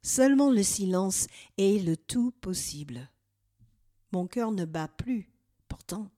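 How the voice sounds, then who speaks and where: Slow, hushed woman narrating a meditative journey. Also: medium pitch. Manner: slow, hushed, dropping at times into a whisper. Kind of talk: first-person guided meditative journey. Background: faint music.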